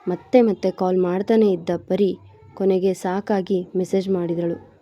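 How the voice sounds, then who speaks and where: A woman reads a serialized love story aloud in a steady, expressive manner. Her voice sits a little low for a woman. The recording is muffled and dry, close to the mic with no echo. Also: measured pace, faint music behind. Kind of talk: scripted story narration.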